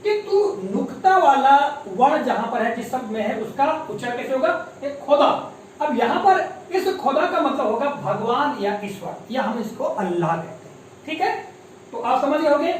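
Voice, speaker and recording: A man teaching a grammar lesson, explaining patiently and often checking in with a quick "okay". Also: extremely high pitch, animated, recorded from a distance, slight background noise. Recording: very echoey room, voice away from the mic.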